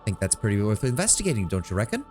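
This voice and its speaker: Man reading as a energetic woman scout, plain-spoken, folksy, animated pitch, fantasy game report. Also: very fast, faint music behind. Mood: wary, matter-of-fact. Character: brisk, energetic female scout reporting trouble to her commander. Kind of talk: fantasy game dialogue read aloud.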